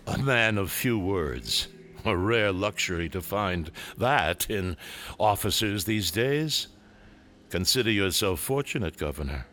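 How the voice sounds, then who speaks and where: Male actor as imperious sci-fi villain lord, cold, formal, condescending, expressive intonation, audio drama. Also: sits low, measured pace, a little hiss or hum. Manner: formal, condescending, coolly sardonic.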